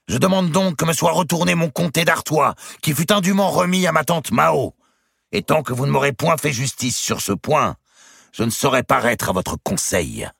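An arrogant, scheming count who lays out his demands with smug boldness, as a man puts him on. His pitch sits high and lively over a gravelly, husky grain. The storybook recording is dry. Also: moderate pace, dry recording, heavily acted.

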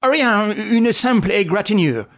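A man voicing an agitated, proud male detective who cries out in a high, strained voice. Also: sing-song, normal speed, fairly bright tone. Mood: assured.

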